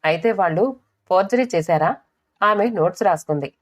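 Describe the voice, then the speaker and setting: Woman narrating a story, lowish voice. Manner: steady, measured storytelling. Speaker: audiobook narrator. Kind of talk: scripted narration.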